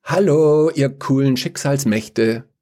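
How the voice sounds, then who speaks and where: A man's voice: mid-range voice, animated, a little slow, vocal fry, darkish tone, slightly rough, pitched above the performer's own voice, exaggerated voice. A man voicing a breezy young woman administrator who speaks in a chirpy, offhand way.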